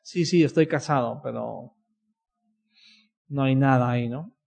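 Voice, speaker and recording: A man's voice: medium pitch, measured pace, creaky, a little mellow. A man from telling a personal faith story in a conversational way, often ending his sentences with a questioning "no?". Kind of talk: personal testimony talk.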